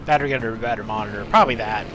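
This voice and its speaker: A man's voice: on the low side, racing, background noise. A man casually commenting on a video game, thinking aloud as he plays. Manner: chatty, thinking aloud while playing. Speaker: game streamer.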